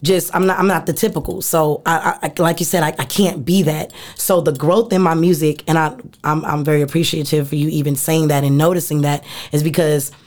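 Woman in her thirties, rapper, low-pitched voice, candid, emphatic, casual interview. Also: steady tone, a little fast, hardly any pauses, a little mellow. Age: 30s. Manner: candid, emphatic, peppered with "you know what I'm saying". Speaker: rapper and singer, interview guest.

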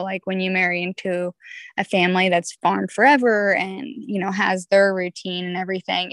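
A woman's voice: medium pitch, gravelly, no echo. A young adult woman, a podcast guest, talking casually and rambling with many fillers. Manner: rambling, lots of "like" and restarts. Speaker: guest, entrepreneur. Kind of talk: casual interview chat.

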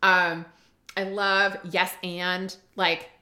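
Woman, from Rhode Island, podcast host, casual monologue, bright voice, emphatic, rambling asides. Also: fairly low pitch, level tone, drawn-out words. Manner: emphatic, repeats key lines, riffs with many asides.

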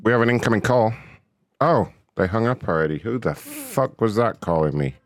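A man's voice: lowish voice, very animated, moderate pace. A man hosting prank calls with casual, profane, mischievous, exclamatory banter. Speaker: host of a prank call show.

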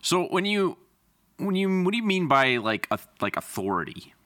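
A man's voice: high voice, sing-song, moderate pace, sharp tone, no room sound, pitched above the performer's own voice, heavily acted. A man playing a nervous, rambling male job applicant in a comedy sketch at a villain empire's hiring office. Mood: hesitant. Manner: rambling, hesitant and joking.

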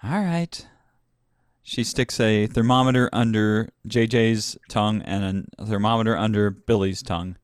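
A man narrating as game master of a tabletop role-playing game, relaxed and hesitant, with fillers. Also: lowish voice, moderate pace, hardly any pauses, clear, resonant tone, no echo, clean studio sound.

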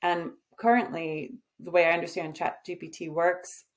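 On this podcast a woman who owns an agency speaks in a low, flat voice at a moderate pace. The interview has an easy, conversational feel; she's confident and direct about her business but leans on "um" frequently.

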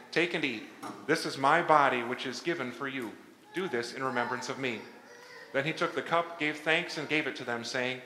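A man serving as pastor, leading a congregation in solemn liturgical prayer and the communion words with a measured cadence, his voice ringing with cathedral-like echo in a large church. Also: medium pitch, bright, forceful tone, slight background noise. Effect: cathedral-like echo from a large church hall. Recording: echoey church hall with long reverb.

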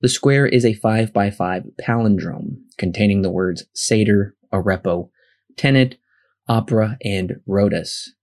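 Male podcast host, lowish pitch, delivering scripted film trivia, stats and rankings in an orderly, methodical read. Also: measured pace, darkish tone. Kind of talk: scripted film-facts narration.

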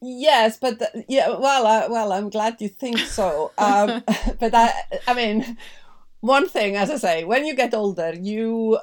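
A woman's voice: on the high side, slow pace, slight background noise. Icelandic woman, hesitant and thoughtful. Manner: thoughtful, hesitant with frequent fillers and restarts. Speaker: guest. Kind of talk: podcast interview conversation.

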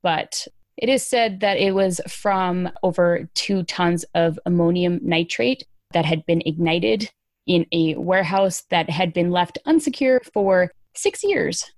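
A woman gives casual news commentary as a podcast host. She is informal and emphatic, with a gravelly creak in a slightly low voice. The recording is dry and close. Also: measured pace, no echo.

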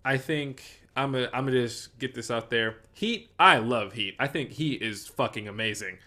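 A man's voice: medium pitch, normal speed, pushed and bright. A man co-hosting a casual movie podcast, rambling and swearing freely as he weighs up films. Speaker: podcast co-host. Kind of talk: casual movie bracket chat.

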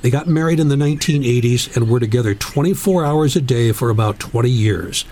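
A man reading a written tribute aloud as narrator, in a measured, solemn storytelling manner. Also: medium pitch, darkish tone.

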